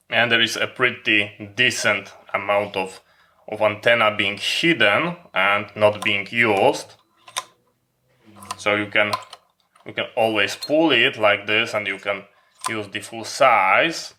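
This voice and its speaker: He has a fairly low voice with a sharp tone. As a hobby vlogger doing an informal hands-on product demo, he explains slowly in halting phrases, pausing for emphasis.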